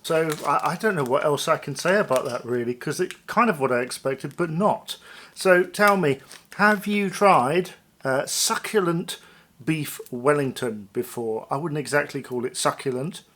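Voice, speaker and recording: Higher-voiced man musing through a casual review. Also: expressive, moderate pace, a bit bright. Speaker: food review vlog host. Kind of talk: casual taste-test review to viewers.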